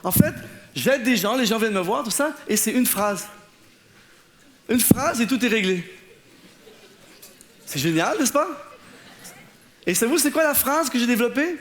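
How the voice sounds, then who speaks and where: High-voiced pastor preaching. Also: male voice, normal speed, pauses often. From Canada. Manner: animated storytelling, acting out the people in his stories. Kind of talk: sermon. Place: church in front of an audience, laughter heard.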